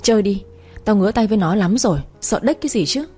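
A woman's voice: mid-range voice, lively intonation, fast talker, warm tone, breathy edge, faint music behind. A woman voicing a crude, bossy young woman friend in a storybook reading. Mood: brash scolding.

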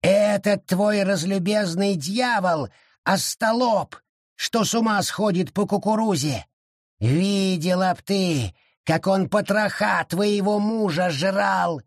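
A man voicing a small, hostile wild forest creature that growls and shouts spiteful threats in an audiobook. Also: high-pitched, no echo, studio quality, pitched above the performer's own voice, heavily acted. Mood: raging. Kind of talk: audiobook character voice.

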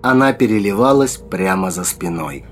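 A man narrating a dark fantasy audiobook in a measured storytelling manner, with faint music behind him. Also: lowish voice, lively intonation.

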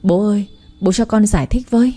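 A scheming, pleading son-in-law in a storybook, read by a woman narrator. He wheedles and begs in a mellow, warm voice that stays close to the reader's own. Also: mid-range voice, fairly quick, soft background music, lightly acted.

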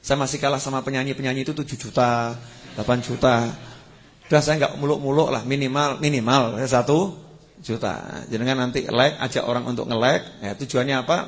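Man with giving a sermon, lively storytelling voice that jumps high then drops low. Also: a little fast. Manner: animated storytelling, pitch leaping up when emphatic, dropping low for asides. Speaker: preacher. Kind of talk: religious lecture to a live audience.

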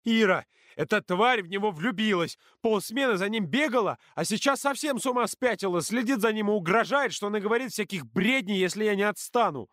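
A man voicing a hot-tempered teenage boy close to hysteria in an audiobook, yelling and pleading in a raised voice. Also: mid-range voice, normal speed, no room sound, close to an everyday voice. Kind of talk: audiobook character voice.

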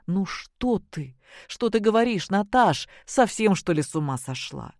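Reader voicing a young husband, gentle and reassuring, close to the reader's own voice, dry sound. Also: mid-range voice, big pitch swings, measured pace, dry recording, pitched above the performer's own voice.

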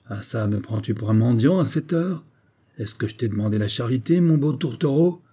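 A man voicing a brutal, mocking soldier with a loud, jeering delivery in an audiobook reading. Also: medium pitch, animated, normal speed, slightly rough. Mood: angry. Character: brutal hulking male grenadier, mocking and quarrelsome.

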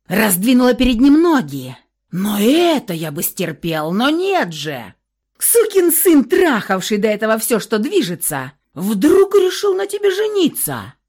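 A woman reads a cruel, scheming grown man in an audiobook. He snarls abuse and sneers coldly, in a mid-pitched voice. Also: lightly acted. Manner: shouting insults, then sneering and cold. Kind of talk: audiobook character reading.

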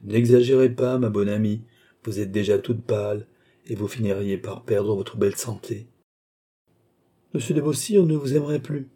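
A man's voice: fairly low pitch, normal speed, warm tone, slightly rough. A man reading an audiobook, voicing a cool, politely mocking nobleman. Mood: suave. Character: suave, cool, ironic nobleman count.

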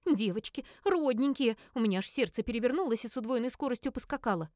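A woman narrating an audiobook in the first person, wry and expressive. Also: a little high, rapid-fire, no room sound, studio quality.

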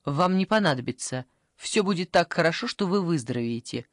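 A woman voicing a brisk, strict young female phone operator in an audiobook, pushy and salesy, recorded dry and close. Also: on the low side, animated, no room sound, lightly acted. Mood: firm. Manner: pushy, salesy, rattling off offers. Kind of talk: audiobook character voice.

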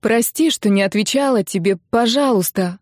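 A woman voicing a young female student who pleads in a high, loud, tearful voice in a dry audiobook recording. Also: moderate pace, no echo, lightly acted. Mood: guilty.

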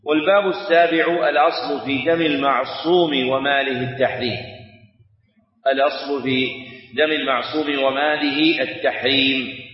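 A middle-aged man teaching a classical Arabic lesson, who dictates in a measured, chanted cadence and repeats each phrase for note-taking. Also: medium pitch, fairly even intonation. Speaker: Islamic scholar teaching a text. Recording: roomy hall reverb, distant dull mic.

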